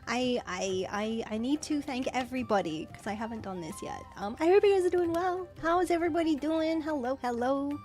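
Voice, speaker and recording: Woman, high voice, excitable live host, soft music behind. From Australia. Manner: excitable, rapid thanks, frequent stumbles. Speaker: livestream host. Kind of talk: casual livestream chat.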